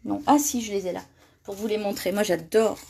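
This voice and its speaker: A woman's voice: medium pitch, steady tone, a little fast, creaky, warm tone, husky. A woman giving a live card-making tutorial, chatty and often laughing as she reads viewer comments aloud. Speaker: crafting demonstrator.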